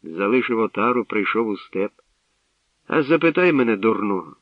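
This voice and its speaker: A man's voice: lowish voice, normal speed, no room sound, lightly acted. A man voicing an elderly shepherd and anxious father who grumbles and frets, in a tinny, distant radio recording. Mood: grumbling. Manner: fretful, grumbling.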